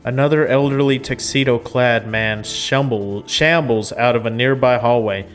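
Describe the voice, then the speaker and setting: This young gaming host reads lines from a visual novel and reacts to them in a loose, slangy way. He talks at medium pitch and normal speed while music plays behind him.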